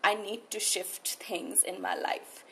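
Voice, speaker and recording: A woman's voice: mid-range voice, level tone, slow pace, creaky, fairly bright tone, a little hiss or hum, poor audio. A woman from India with an urban New Delhi accent, reflecting on her own life in an interview, earnest and emphatic, often repeating words for emphasis. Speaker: interview guest, spiritual coach. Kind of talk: conversational interview, personal reflection.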